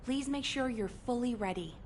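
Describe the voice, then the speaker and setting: A woman's voice: on the high side, moderate pace, natural voice. A woman playing a composed mission operator in a video game, briefing soldiers in a formal, precise, authoritative way. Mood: formal, urgent. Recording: distant sound under clear music.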